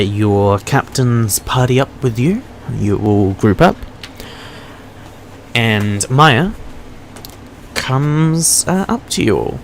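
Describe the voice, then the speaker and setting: A man's voice: fairly low pitch, slight background noise. A man narrating a tabletop game as game master, describing scenes and calling for dice rolls over voice chat.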